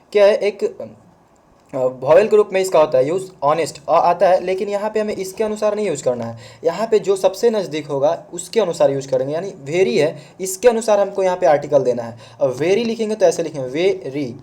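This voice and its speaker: A male teacher with a high-sitting, mellow voice gives an online grammar lesson at a slightly fast, animated pace. He explains patiently step by step, answers his own questions, and mixes English words into his Hindi.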